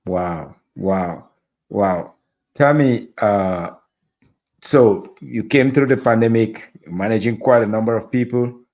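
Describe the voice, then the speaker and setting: A man's voice: fairly low pitch, slow pace, a little mellow. Encouraging male interview host. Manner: encouraging, affirming, repeats phrases. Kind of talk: interview conversation.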